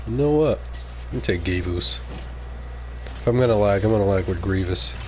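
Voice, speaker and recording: During a live gaming stream, a man who grew up speaking French keeps up casual commentary in a low, relaxed voice at an ordinary pace. He responds aloud to the action and murmurs side remarks to his audience, while a faint hiss runs under the audio.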